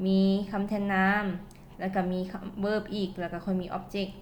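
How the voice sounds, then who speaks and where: A woman with a Lao accent teaching English at home. She says English phrases slowly and carefully, then quickly translates each one. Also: mid-range voice, flat delivery, slight background noise. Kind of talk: casual spoken lesson.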